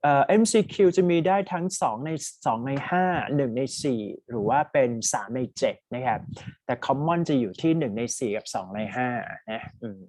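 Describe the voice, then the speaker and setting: A man teaching an exam-prep class, reading English passages slowly and explaining them in quick Thai. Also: medium pitch, lively intonation, darkish tone, dry recording. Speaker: IELTS teacher. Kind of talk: online class lesson.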